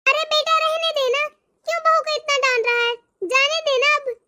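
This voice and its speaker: Woman doing a scheming cartoon saas, super high squeaky voice, all honey and spite. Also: fairly even intonation, moderate pace, sharp tone, no room sound, studio quality. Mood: coaxing. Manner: sweet-talking, turns spiteful and muttering alone. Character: scheming middle-aged mother-in-law, two-faced. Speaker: mother-in-law in a cartoon family story. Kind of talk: animated moral story voice acting.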